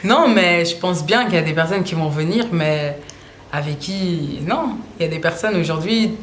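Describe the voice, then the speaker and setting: In an echoey room with slight background noise, a young Brussels-born singer talks about her music at a moderate pace in a fairly low voice. Her interview answers are casual, relaxed and slangy, broken up by frequent hesitations.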